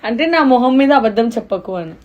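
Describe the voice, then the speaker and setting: A woman's voice: a little high, expressive, fast, phone-quality sound, very noisy. A woman bantering with a friend, scolding him in an exasperated way and mixing Telugu and English. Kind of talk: casual banter.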